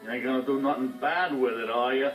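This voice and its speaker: An actor voicing a gruff, grudging man in a video game, with colloquial speech. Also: medium pitch, fairly even intonation, quick pace, reverberant, far from the mic, soft background music, close to an everyday voice, low-quality recording.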